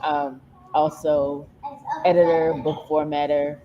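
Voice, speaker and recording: A woman's voice: low-pitched, little pitch movement, slow pace. A woman from Baltimore, a middle school math teacher and editor, talking casually from a church during her children's dance practice. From Baltimore, USA. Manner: casual and chatty. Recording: dull mic with loud church background noise.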